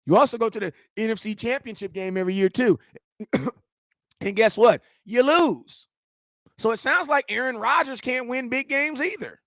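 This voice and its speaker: A man, reading and answering viewer chat in a slangy, animated sports rant. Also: extremely high pitch, moderate pace, dry recording, clean studio sound. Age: 40s. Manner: animated, slangy trash talk, shouts at chat. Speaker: sports fan streamer.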